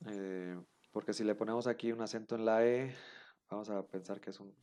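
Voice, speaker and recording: A man's voice: fairly low pitch, steady tone, brisk, mellow. A man teaching a class, patiently repeating the rules with many fillers. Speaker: Hebrew teacher. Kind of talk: online class explanation.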